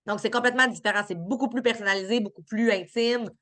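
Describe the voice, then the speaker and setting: A woman's voice: a little high, quick pace, bright, forceful tone. A woman with a Québécois French accent, chatty and upbeat, answering viewers' chat questions on a live stream with lots of fillers and restarts.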